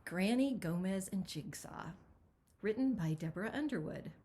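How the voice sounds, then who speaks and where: Slight background noise accompanies this picture book author as she talks with children and performs a lively read-aloud of a storybook, leaning on key words. Her mid-range voice has a dark tone, lively intonation and a moderate pace.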